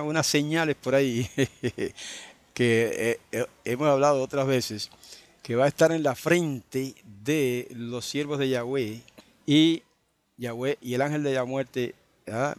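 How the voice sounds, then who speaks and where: A man's voice: medium pitch, unhurried. Man teaching scripture. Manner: conversational, full of tag questions and fillers. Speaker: Bible teacher. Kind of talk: informal Bible study teaching.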